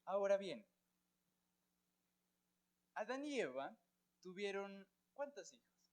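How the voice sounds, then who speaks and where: High-voiced Colombian man teaching Bible class. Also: very animated, takes it slowly, darkish tone. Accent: Colombian Spanish. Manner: asks students questions, checks with "¿sí?" and "¿listo?".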